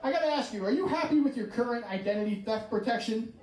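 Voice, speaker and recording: A comedian voicing an overly polite male tech support salesman with smooth sales patter. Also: very high-pitched, animated, fast talker, background noise. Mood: sugary salesy. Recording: echoey room with a far-off mic and a laughing crowd.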